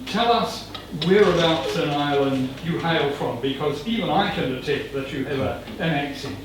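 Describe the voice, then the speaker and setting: Man, event host, teasing and playful, higher voice, far from mic, very echoey, noisy. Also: lively intonation, moderate pace. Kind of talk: joking interview. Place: busy indoor function room.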